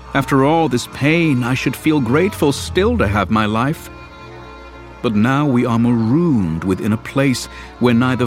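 An actor playing an earnest, exasperated young hero in Shakespearean verse, declaimed like a hammy stage performer. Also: male voice, mid-range voice. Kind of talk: dramatic Shakespearean verse reading.

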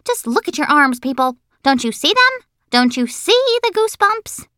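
A woman voicing a spoiled, boastful little rich girl in a children's audiobook, gushing and showing off with drawn-out words. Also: high-pitched, sing-song, bright, forceful tone, no room sound, clean studio sound, voice pushed up, full character voice. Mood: impatient, bossy. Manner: showy, drawn-out, gushing delivery.

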